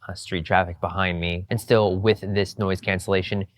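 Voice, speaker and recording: A man's voice: low-pitched, flat delivery, moderate pace. A man reviewing gear out on a busy street, talking through a clip-on wireless mic with AI noise reduction switched on. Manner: upbeat, repeats "you can hear". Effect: AI noise reduction processing. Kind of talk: product demo walkthrough. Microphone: clip-on wireless lapel mic.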